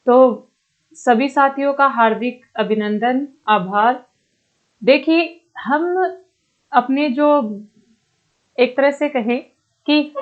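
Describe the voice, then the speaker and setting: A young woman with a high, light voice teaches a grammar lesson. She goes step by step, repeating each point and asking the class questions she answers herself. The recording sounds dull and lo-fi. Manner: explains patiently, repeats and asks questions back to students. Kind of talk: online Hindi grammar lesson.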